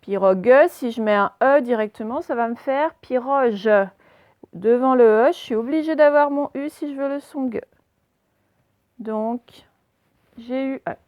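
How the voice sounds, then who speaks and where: Woman teacher slowly spelling out a dictation. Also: on the high side, no room sound, muffled recording. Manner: slow, careful spelling-out of sounds and letters. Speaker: primary school teacher. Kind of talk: dictation lesson for children.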